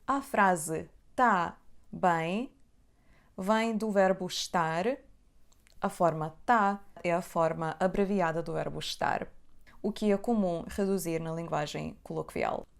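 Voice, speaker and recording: Slow, enunciating Portuguese woman teacher. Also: lowish voice, vocal fry. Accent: European Portuguese. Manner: careful, deliberate enunciation with repeated examples. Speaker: language teacher. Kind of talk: slow, clear pronunciation lesson.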